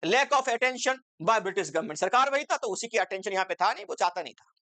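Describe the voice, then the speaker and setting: A woman's voice: mid-range voice, animated, moderate pace, fairly bright tone, dry recording. A woman teaching an exam-focused commerce lecture, asking the class rhetorical questions and switching between Hindi and English terms.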